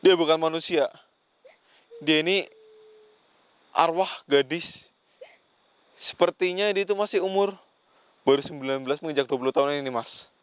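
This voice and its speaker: A man's voice: fairly high pitch, normal speed, pauses often, clear, resonant tone, no room sound. A man hosting a paranormal investigation vlog, talking earnestly to a spirit and to his viewers. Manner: earnest, speaks to spirits and viewers, keeps saying "Mas". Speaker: ghost-hunting vlogger.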